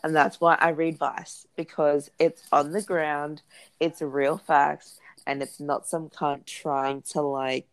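A woman's voice: low voice, level tone, slow. An Australian-accented woman chatting casually as a podcast co-host, blunt and sweary with Aussie slang.

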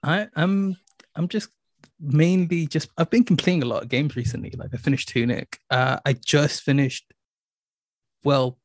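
A man's voice: fairly high pitch, steady tone, measured pace, no echo, clean studio sound. A man co-hosting a casual gaming podcast, enthusiastic, with many restarts. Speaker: podcast co-host. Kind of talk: casual chat.

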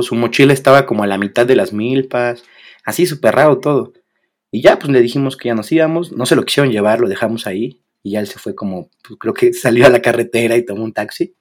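Young Mexican man telling a wild story. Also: mid-range voice. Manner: animated, slangy, acts out quoted voices. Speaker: podcast co-host. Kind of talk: casual storytelling chat.

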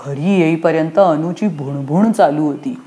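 A young woman reads a children's story aloud, gentle and expressive in her delivery. Her voice sits a little low for a woman. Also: measured pace.

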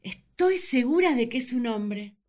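A woman's voice: fairly high pitch, unhurried. A woman voicing Eve, the curious and talkative first woman, narrating her thoughts. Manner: chatty, wondering, expressive. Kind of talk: radio drama narration.

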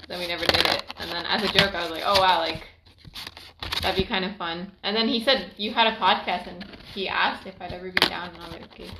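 A woman's voice: lowish voice, fairly even intonation, fast talker. Hesitant young woman on a podcast. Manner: hesitant, with many fillers. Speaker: podcast guest. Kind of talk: casual podcast chat. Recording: echoey room with loud background noise.

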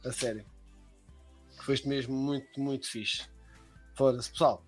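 A man's voice: medium pitch, fairly even intonation, unhurried, slightly rough, faint music behind, low-quality recording. A young man with a European Portuguese accent chatting casually as a live stream co-host, slangy and full of swearing.

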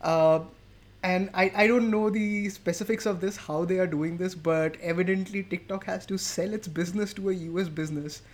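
A man's voice: high-pitched, fairly even intonation, normal speed. A man co-hosting a casual tech podcast, moving topics along and chuckling as he jokes. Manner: moves topics along, joking, chuckles mid-sentence. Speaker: podcast co-host.

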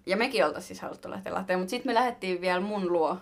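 A young woman co-hosting a podcast, chatting casually and telling stories with laughter and slangy swearing. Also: mid-range voice. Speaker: podcast co-host. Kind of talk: casual chat.

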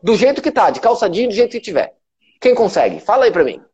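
Very animated and quick, this man has a high voice that's a little mellow and slightly rough, with the highs cut off. With a Brazilian Portuguese accent he hosts a motivational live talk to followers, emphatic, repetitive, and swearing freely.

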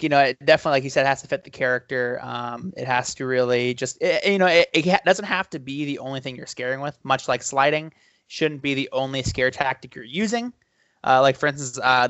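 A man co-hosts a casual podcast and reads out fan questions with easy chatter. His voice sits at an ordinary middle pitch. The audio is dry and a little dull. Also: fairly bright tone, dry recording. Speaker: podcast co-host.

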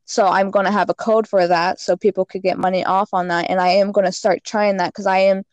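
A woman's voice: mid-range voice, little pitch movement, a little fast, a little mellow, no echo, dull audio. Frank woman giving fitness advice. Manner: frank, advice-giving, many "like"s and "you know"s. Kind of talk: casual podcast chat.

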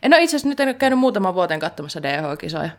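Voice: medium pitch, big pitch swings. A podcast host in casual chat who rambles, mocks themself and laughs often. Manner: rambling, chatty, self-mocking, laughs often.

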